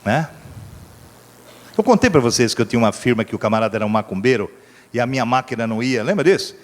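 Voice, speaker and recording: A man's voice: mid-range voice, lively intonation, quick pace. A middle-aged Brazilian man, preaching a sermon as a pastor and acting out a story with voices and sound effects. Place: church hall. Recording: church hall reverb.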